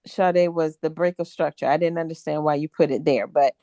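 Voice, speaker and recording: Brisk woman co-teacher, dry close sound. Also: low voice, fairly even intonation, dark tone, no echo. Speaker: co-instructor. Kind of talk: casual teaching on a video call. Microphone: video call.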